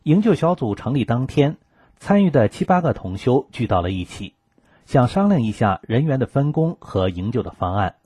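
A man reading a first-person account aloud for a radio program, in a calm, measured storytelling manner. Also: mid-range voice, husky, no room sound, clean studio sound. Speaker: radio reader. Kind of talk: scripted first-person narration.

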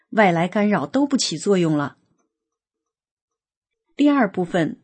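Husky woman reading an earnest testimony. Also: mid-range voice, a little mellow. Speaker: reader of a personal testimony. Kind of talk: scripted reading of a spiritual testimony.

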